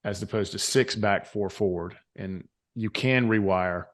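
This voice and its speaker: A man's voice: on the low side, a little slow. A man with a Southern US accent and drawl, talking earnestly and emphatically as a motivational interview guest, repeating phrases for effect. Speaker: guest, author and retreat leader.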